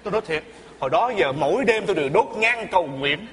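A man's voice: high voice, expressive, fast, fairly bright tone, voice pushed down. A man putting on a teasing old father. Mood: gushing. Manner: teasing, blunt. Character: gruff, joking old father. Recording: echoey hall, audience noise.

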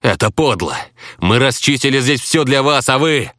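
Guy reading as a bitter shouting hunter dude, yelling threats in a deep, dry voice. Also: measured pace, no room sound. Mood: outraged. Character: angry cornered male hunter player, hissing threats.

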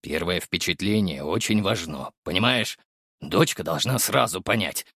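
A man reading an audiobook, voicing a gruff bearded army captain and new father who talks low and hushed, choked with emotion. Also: animated, normal speed, dry recording, clean studio sound, full character voice. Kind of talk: audiobook character voice.

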